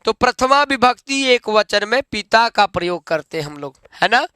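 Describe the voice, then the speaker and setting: A man's voice: high voice, expressive, pushed and bright, clear, resonant tone, no echo, clean studio sound. A man teaching Sanskrit grammar, reciting noun forms one by one and checking that students follow. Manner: slow, drilled recitation of forms with checks for understanding.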